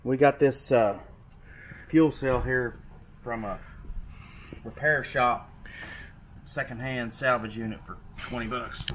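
A man's voice: mid-range voice, slow, long pauses, a little hiss or hum. A man with a Kentucky accent, a tobacco farmer, explaining how his barn was built in a practical, detailed way as he walks through it. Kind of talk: casual explanatory walkthrough. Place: outdoors in an open tobacco barn.

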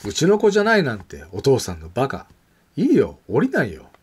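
Stubborn little girl pouting and insisting, a guy reading a storybook doing her, husky. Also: medium pitch, wildly swooping pitch, brisk, darkish tone, full character voice. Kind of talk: picture book reading.

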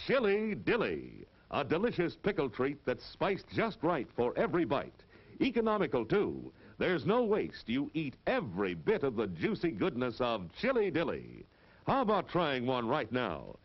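A man reading a 1950s snack commercial in a friendly, persuasive pitch. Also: wildly swooping pitch, normal speed, breathy edge. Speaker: announcer. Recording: dull lo-fi old film soundtrack.

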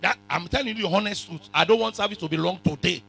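A man with a West African accent preaching a sermon in a raspy voice, forcefully repeating phrases and questioning his congregation, sometimes in pidgin. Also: high voice, quick pace. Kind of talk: animated sermon, code-switching into pidgin. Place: church hall full of congregation.

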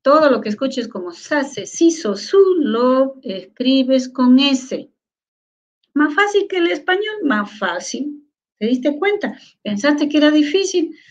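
A woman teaching a lecture on Quechua, sounding out syllables slowly and often stopping to ask whether her listeners follow. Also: high voice, animated, dull audio. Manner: asks many rhetorical check questions. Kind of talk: online lecture.

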